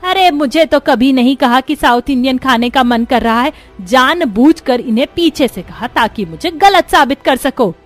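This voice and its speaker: Woman voicing a shrill scolding mother-in-law. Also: lively intonation, moderate pace, hardly any pauses, faint music behind. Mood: angry.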